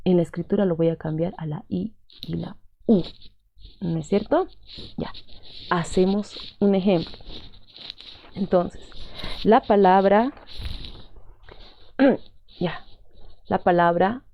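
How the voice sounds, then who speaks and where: Here the teacher's voice is fairly low with vocal fry, and she takes it slowly and pauses often. She is a woman with a Peruvian Spanish accent leading a language class, explaining each step patiently, going back over her points and checking on her students. Dull, lo-fi sound quality.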